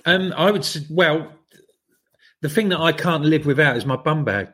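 A man's voice: on the high side, moderate pace, a bit bright, breathy edge. A man chatting casually and self-deprecatingly on a running podcast. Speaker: podcast co-host. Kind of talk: casual chat.

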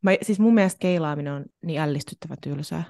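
Woman, podcast co-host, playful casual chat, slightly low voice, mixes in English phrases. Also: vocal fry, a little mellow. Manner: playful, drops English phrases into her talk.

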